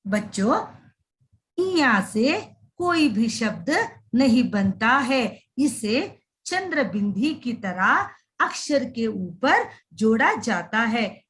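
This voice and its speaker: Woman, children's teacher, slow drawn-out sing-song delivery, a bit high-pitched. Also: fairly bright tone. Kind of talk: children's lesson voice-over.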